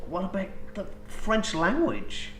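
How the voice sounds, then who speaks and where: A man's voice: high voice, sing-song, measured pace, a bit bright, faint music behind. A man hosting an improvised comedy radio show, playfully questioning guests with mock disbelief. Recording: roomy echo, faint background noise.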